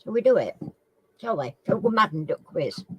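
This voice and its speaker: A woman's voice: mid-range voice, big pitch swings, fairly quick, slightly rough, dull audio. A woman with slightly slurred, toothless articulation, chatting informally as she hosts a live quiz and repeats the questions. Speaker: live chat quiz host. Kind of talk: casual live chat, reading out quiz questions.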